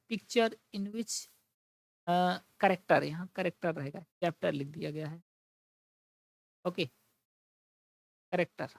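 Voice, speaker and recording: A mid-pitched woman runs an exam-prep vocabulary lesson. She explains patiently, answers her own rhetorical questions, and reads each English definition slowly. The recording is close and dry, with no room sound. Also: darkish tone, no echo.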